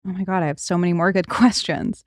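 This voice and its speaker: A woman's voice: lowish voice, fairly even intonation, fast talker, no echo. Chatty woman in her thirties, dry close sound. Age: 30s. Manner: chatty, laughs often, trails off. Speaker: podcast host. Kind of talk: casual chat.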